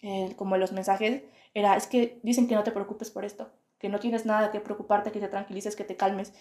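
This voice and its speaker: A young woman muses aloud as a podcast host, her mid-pitched voice carried by a roomy, echoing room. She talks in loose, winding phrases full of fillers. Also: flat delivery, fairly quick, dark tone. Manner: musing, many fillers like "o sea" and "como". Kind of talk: reflective spiritual monologue. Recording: roomy, echoey home room.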